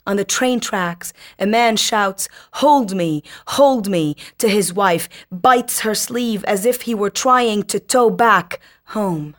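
A woman in her thirties from Lebanon, a poet being interviewed and then reading her poem aloud, softly and with some hesitation. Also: medium pitch, takes it slowly, few pauses. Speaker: poet guest.

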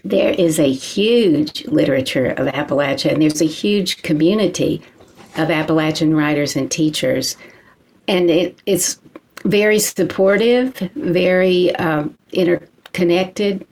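A middle-aged woman from Kentucky, a poet reading her work slowly and then answering interview questions in a measured way. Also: on the low side, darkish tone, rough recording. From Eastern Kentucky. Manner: slow, measured reading with deliberate pauses.

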